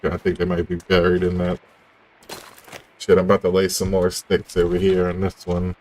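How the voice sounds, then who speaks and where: A man's voice: deep voice, monotone, moderate pace, a little mellow, slight background noise. A man hosting a game livestream, chatting in a laid-back, easygoing way with his friends. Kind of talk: casual gaming chat.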